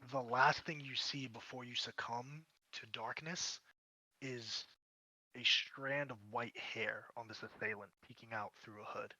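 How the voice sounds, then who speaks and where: Bright-voiced male game master narrating dramatically. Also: medium pitch, steady tone, a little slow, no room sound, rough recording. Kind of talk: narrating a tabletop fantasy game.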